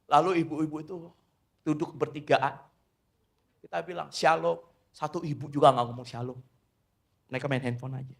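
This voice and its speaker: A middle-aged man preaching a sermon as pastor, swinging between loud emphatic lines and quiet asides, often calling the listeners "saudara". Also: on the high side.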